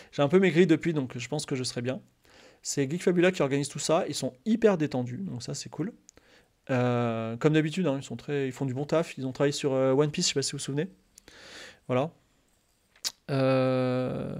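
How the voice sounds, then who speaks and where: Speaking at a medium pitch, a man chats informally with his live-stream audience. His delivery meanders with frequent fillers and restarts, growing lively whenever he gets excited.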